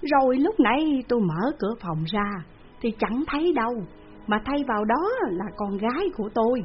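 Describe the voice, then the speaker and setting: A woman's voice: a little high, lively intonation, moderate pace, faint music behind, pitched above the performer's own voice, natural voice. A woman voicing an older rich village landlord who is flustered and stammers. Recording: dull lo-fi recording.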